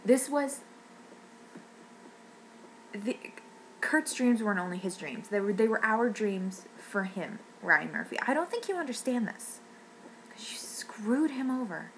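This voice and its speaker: A woman on the verge of tears rants at a middling pitch, her sentences breaking off and starting over. She sounds shaken and hurt. A faint noise sits under her voice. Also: animated, fairly bright tone, low-quality recording. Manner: upset and rambling, halting restarts. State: near tears. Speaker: fan vlogger. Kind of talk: emotional rant.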